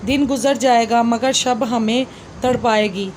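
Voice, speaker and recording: A woman's voice: a little high, fairly even intonation, measured pace, darkish tone, a little hiss or hum, lightly acted. Woman reading as a teasing, loving young husband.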